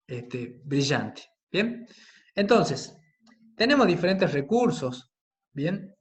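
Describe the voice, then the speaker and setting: A man teaching a class on radio production, speaking slowly and deliberately and often checking in with his listeners. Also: a little high. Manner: patient, with frequent "¿sí?" and "¿bien?" checks; slow and deliberate on key words, with some fillers.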